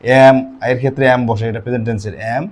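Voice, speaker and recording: Male grammar teacher, talks it through question by question, mid-pitched. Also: fairly even intonation, quick pace, darkish tone. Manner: asks questions and answers them himself. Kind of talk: classroom lesson with asides and a told anecdote.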